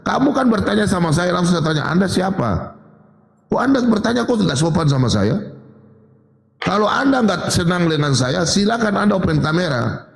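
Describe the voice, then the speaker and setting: A man in a heated live-stream debate, boastful and repeatedly telling others to calm down. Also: high voice, moderate pace, creaky. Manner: boastful, keeps urging calm. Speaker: debate participant. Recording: echoey room with long reverb.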